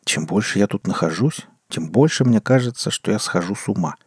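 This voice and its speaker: A man's voice: fairly low pitch, lively intonation, fairly quick, husky, no room sound, clean studio sound. A man voicing a bewildered but determined traveler, talking impatiently.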